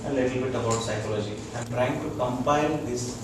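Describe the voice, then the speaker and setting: A doctor with an Indian accent teaches integrative medicine to a small audience, his mid-range voice going a little fast. He explains in short, repeated phrases and checks that his listeners follow, recorded on a distant mic in a noisy, echoey room.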